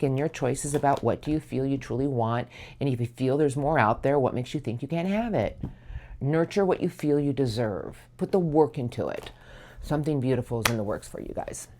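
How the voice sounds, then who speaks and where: Very low-voiced woman reading tarot. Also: lively intonation, darkish tone, a little hiss or hum. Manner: soothing, affirming, drawn-out emphasis. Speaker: tarot reader.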